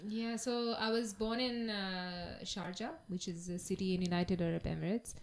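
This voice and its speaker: A woman's voice: mid-range voice, steady tone, moderate pace. A woman in her thirties from Pakistan, co-hosting a casual podcast chat, laughing often as she talks. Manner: laughs often, many fillers and restarts. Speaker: podcast co-host.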